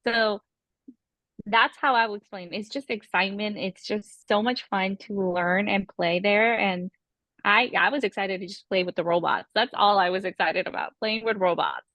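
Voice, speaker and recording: A young woman telling stories in a casual podcast interview, excitable and chatty, acting out quoted dialogue. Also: medium pitch, moderate pace, no echo. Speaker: podcast guest, former program participant.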